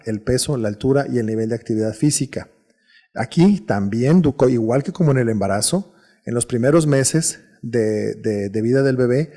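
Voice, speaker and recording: Mellow-voiced man giving a medical lecture. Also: mid-range voice. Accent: Mexican Spanish. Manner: steady explanatory delivery with frequent restarts and repeated words. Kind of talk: recorded lecture.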